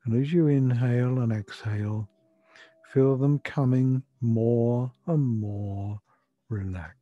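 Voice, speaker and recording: An older man with a soft, breathy voice gently guiding a breathing and relaxation meditation in soothing, measured instructions. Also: medium pitch, no room sound. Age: 60s or older. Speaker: relaxation therapy guide. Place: furnished room at home. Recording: dull lo-fi sound, music behind. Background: music.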